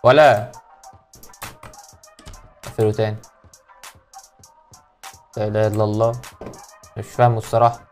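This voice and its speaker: A man's voice: lowish voice, level tone, normal speed, pauses often, faint music behind. A young man with an Egyptian accent commentating a horror game, joking and muttering prayers when startled. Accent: Egyptian Arabic. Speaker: gaming YouTuber.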